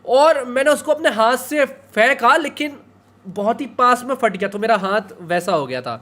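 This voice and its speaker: Brief: male streamer, fairly high voice, loose and chatty, lots of tag questions. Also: expressive, moderate pace, sharp tone. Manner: chatty, keeps adding "okay?" tags. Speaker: streamer reacting to a video. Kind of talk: casual chat.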